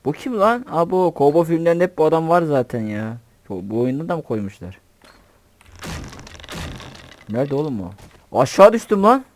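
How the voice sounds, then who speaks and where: Lively young gamer man. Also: a little high, a little fast. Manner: excitable, swears playfully, talks to himself. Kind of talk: casual gameplay commentary.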